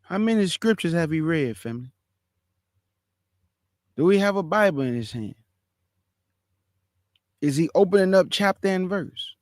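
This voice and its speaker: A man's voice: high-pitched, lively intonation, moderate pace, long pauses, no room sound, studio quality. A man from Houston gives impassioned reaction commentary, emphatic and repetitive, calling his listeners family. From Houston, Texas, USA. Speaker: commentator reacting to a sermon clip.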